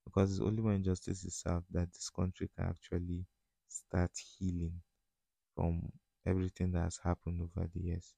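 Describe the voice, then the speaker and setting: Deep-voiced Nigerian man slipping into Pidgin. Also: completely flat delivery, normal speed, creaky, dark tone, dry recording. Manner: slips often into West African Pidgin; informal, slangy, conversational. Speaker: podcast host. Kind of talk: casual solo podcast chat.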